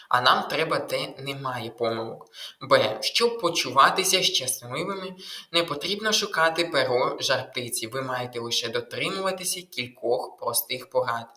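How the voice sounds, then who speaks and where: A man's voice: mid-range voice, pushed and bright, reverberant, rough recording. A man tutoring through an exam walkthrough lesson, explaining patiently and stressing key letters and syllables. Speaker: language tutor.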